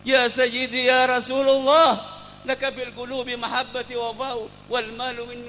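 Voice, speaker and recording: A man voicing an earnest male companion who pleads loudly and insistently. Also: mid-range voice, brisk, slight background noise, close to an everyday voice. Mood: tearful. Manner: loud, insistent pleading, turning tearful.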